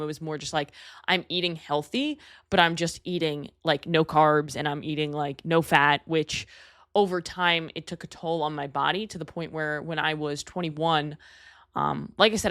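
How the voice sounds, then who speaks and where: Talking solo on her own podcast, a woman in her thirties from New York keeps things chatty and candid, teasing herself and saying "like" often. Her low-sitting voice has a bit of brightness, captured in studio quality without echo.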